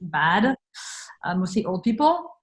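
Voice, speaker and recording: Speaking at a measured pace, a French woman with a lowish voice sounds very animated as a guest on a video call. The chat is casual, and she leans on fillers like "like" and "uh" while laughing freely.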